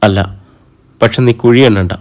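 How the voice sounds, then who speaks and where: A man's voice: fairly low pitch, steady tone, normal speed, natural voice. A man voicing a cocky, scheming man who boasts and brushes off doubts. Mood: boastful.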